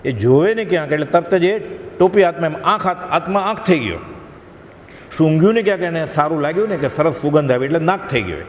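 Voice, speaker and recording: A man's voice: fairly high pitch, animated, quick pace. A man giving an earnest devotional discourse, admonishing his listeners and acting out short quoted prayers. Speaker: spiritual lecturer. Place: satsang hall. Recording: long hall reverb, faint ambient noise.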